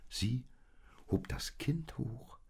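A man reading a storybook aloud as narrator, calm and expressive. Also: medium pitch, extremely slow, creaky, slightly rough.

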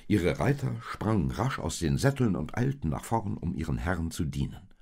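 A man reading a storybook aloud in a slow, expressive way. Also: low voice, vocal fry, slightly rough.

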